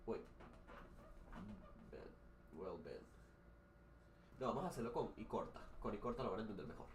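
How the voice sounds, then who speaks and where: A man's voice: fairly low pitch, lively intonation, very fast, a little hiss or hum. A man teaching English on a live stream, talking loosely with many fillers and restarts as he explains words and their pronunciation. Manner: switches between Spanish and English, explains pronunciation with hesitant fillers.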